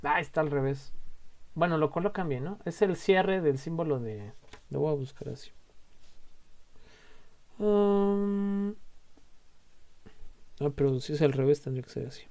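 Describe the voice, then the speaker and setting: Chatty Mexican male teacher, mellow voice. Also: on the high side, a little slow, long pauses. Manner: chatty, explains with lots of "o sea" and "¿no?" tags. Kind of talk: casual online grammar lesson.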